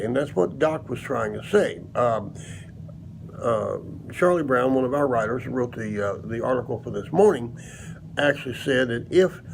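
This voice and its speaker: A man in his sixties giving informal opinion commentary to the camera in a halting, emphatic way, recorded indoors at home. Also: mid-range voice, vocal fry, a little mellow, rough recording. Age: 60s. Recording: noticeable background noise, room ambience.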